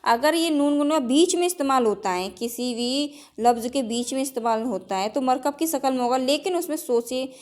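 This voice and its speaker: Woman teacher, slightly high voice, exam-prep lesson, repeats rules and quizzes the class. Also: expressive, moderate pace, few pauses, darkish tone. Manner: repeats each rule, then quizzes it back; drills with example words in a list.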